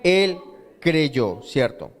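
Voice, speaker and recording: A male pastor preaching a sermon and often pausing to ask the congregation to fill in words. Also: a little high, sing-song. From Colombia. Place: church hall. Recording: reverberant church hall.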